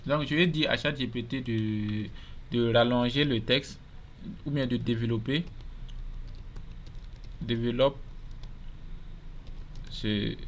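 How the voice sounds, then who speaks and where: Male tutorial host, mid-pitch, relaxed step-by-step talk, faint background hiss. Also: slow pace, pauses often. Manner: casual step-by-step explaining, repeats himself. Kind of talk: screen-recorded software tutorial.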